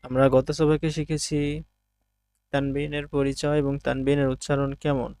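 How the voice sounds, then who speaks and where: A man teaching Quran letter sounds, drilling them in measured, chanted repetition. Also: medium pitch, flat delivery, darkish tone, smooth, dry recording. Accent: Bangladeshi. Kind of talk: slow drilled recitation lesson.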